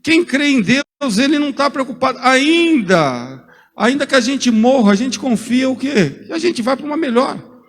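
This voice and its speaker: Man, pastor, lively joking sermon, echoing church hall. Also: extremely high pitch, moderate pace. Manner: lively, joking preacher addressing congregation by name.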